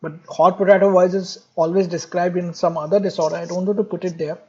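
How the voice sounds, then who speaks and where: A man lectures on medicine in a high, mellow voice. He mixes jokes into his explanations and keeps repeating the key points for his students. The recording sounds dull and lo-fi. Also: flat delivery, quick pace, breathy edge. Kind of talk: classroom lecture.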